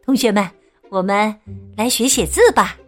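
A woman's voice: moderate pace, faint music behind, close to an everyday voice. A woman doing a baffled, muttering male teacher. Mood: puzzled. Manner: low, hushed, bewildered muttering. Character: puzzled male schoolteacher, muttering to himself.

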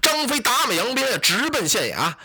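Man, traditional storyteller, high voice, bright, husky, animated. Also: moderate pace. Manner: lively, animated, colloquial.

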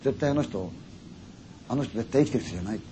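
A man voicing a frightened young woman who pleads in a hushed, tearful way, repeating herself. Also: mid-range voice, expressive, fast talker, background noise, pitched below the performer's own voice, close to an everyday voice. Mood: scared pleading.

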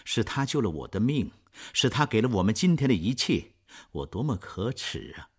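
A man voicing an earnest, emotional young man who speaks in a raised, loud, fervent way in a storybook reading. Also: fairly low pitch, sing-song, moderate pace, slightly rough.

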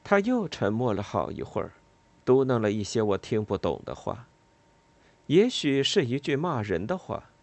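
A narrator giving a measured first-person audiobook reading with lively inflection. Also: mid-range voice, dry recording.

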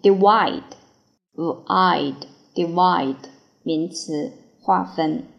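A woman's voice: lowish voice, extremely slow, vocal fry, dull audio. A woman teaching English vocabulary, spelling each word letter by letter and then giving its meanings. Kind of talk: slow word-by-word spelling drill.

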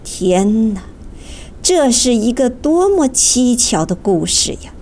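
A woman narrating a children's audiobook in an expressive, storytelling manner, addressing young listeners. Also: on the high side, takes it slowly, slight background noise.

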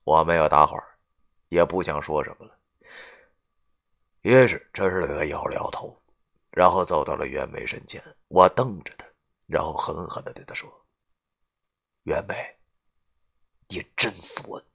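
Man, audiobook narrator, deep voice, gravelly, gruff and coarse telling. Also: moderate pace, long pauses, fairly bright tone. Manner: gruff, coarse, swearing storyteller. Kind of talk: first-person novel narration.

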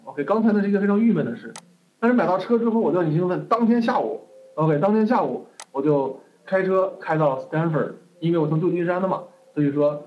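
Fast-talking male lecturer telling a story. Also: fairly high pitch. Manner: animated, peppers speech with "OK". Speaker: lecturer on going abroad. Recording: phone-like narrow band with faint music.

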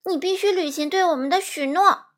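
A woman voicing a bold young girl who speaks up loudly and indignantly. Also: very high-pitched, expressive, moderate pace, voice pushed up. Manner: loud, indignant, exclaiming.

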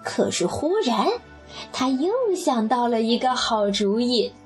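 A woman gently reading a children's story aloud and speaking to the child listener. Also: fairly high pitch, unhurried, soft background music.

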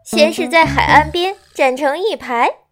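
A woman voicing an excitable, loud male gryphon in a children's storybook reading. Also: high-pitched, a little slow, over loud music, pitched above the performer's own voice. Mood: excited. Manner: loud and eager.

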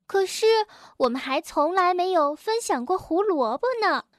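A woman's voice: extremely high pitch, animated, moderate pace, no echo, studio quality. A woman voicing a cheerful young male rabbit with big buck teeth, eager and full of ideas. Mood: chirpy.

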